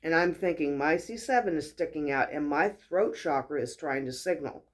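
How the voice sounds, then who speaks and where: A woman's voice: low-pitched, moderate pace. A woman hosting a casual spiritual teaching talk, chatty and storytelling, acting out quoted dialogue. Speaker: host, wellness mentor.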